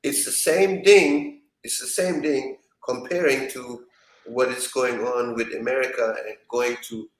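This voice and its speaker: A man with a mid-pitched voice makes his case step by step in casual talk. He is argumentative and leans on rhetorical questions. The room around him sounds echoey. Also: steady tone, a little slow. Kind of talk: casual political discussion.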